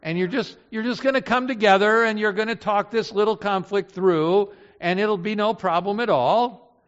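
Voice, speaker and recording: An older man preaching a sermon, telling a story with loud emphatic lines and hushed low ones. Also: moderate pace. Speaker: pastor. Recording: dull sound in a reverberant hall.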